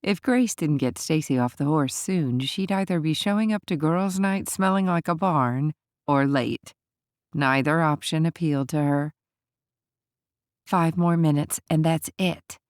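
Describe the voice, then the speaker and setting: A woman's voice: sits low, unhurried, darkish tone, no echo. A woman reading a romance audiobook aloud in a conversational way, recorded close in a booth. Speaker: audiobook narrator. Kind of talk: scripted romance narration.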